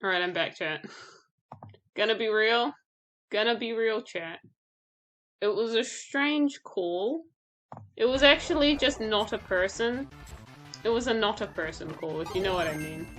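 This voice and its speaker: A woman's voice: medium pitch, a little slow, pauses often, a bit bright, faint music behind, poor audio. A woman streaming a game live, reacting aloud to the gameplay, talking to her chat and mocking herself. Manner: self-mocking exclamations.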